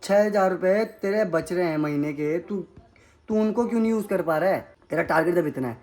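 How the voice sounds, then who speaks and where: A man's voice: high-pitched, fairly quick, darkish tone. Fired-up young man ranting on camera. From India. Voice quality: heated, accusing, repetitive outbursts. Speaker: vlogger. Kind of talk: angry vlog rant to camera. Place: family home, indoors.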